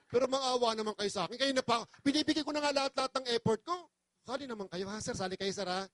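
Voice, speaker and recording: A man's voice: extremely high pitch, fast talker, a bit bright, no echo. A man from the Philippines giving an impassioned, pleading testimonial to an audience as a business presenter, very polite and emotional.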